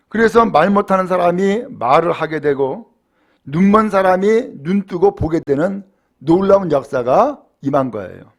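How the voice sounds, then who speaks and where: A male pastor preaching in a church, with a fairly high, gravelly voice. He drops to a hushed, low register to tell the story, then rises into emphatic preaching. He keeps asking his listeners rhetorical questions. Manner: swings between hushed low telling and raised emphatic preaching. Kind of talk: sermon.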